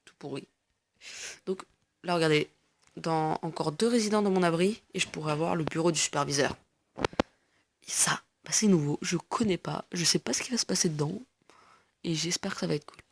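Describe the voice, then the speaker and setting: A woman's voice: low-pitched, fairly quick, creaky, a little hiss or hum. A woman giving casual gameplay commentary, chatty and explaining things to viewers with lots of fillers. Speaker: gaming video host.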